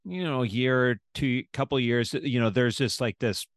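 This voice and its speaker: A man's voice: medium pitch, no echo, clean studio sound. Stammering man in casual podcast chat. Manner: halting, repeats words, swears casually. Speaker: podcast host.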